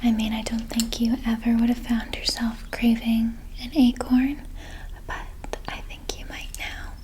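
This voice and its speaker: A woman doing a whispered role-play as a gentle, nurturing flower fairy, in a soft breathy whisper with a soothing, unhurried manner. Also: fairly high pitch, completely flat delivery.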